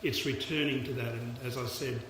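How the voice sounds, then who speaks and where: A man's voice: mid-range voice, steady tone, a little fast, fairly bright tone. Echoey older Australian man speaking publicly. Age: 60s. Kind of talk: informal public speech. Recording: echoey hall, distant mic, background noise.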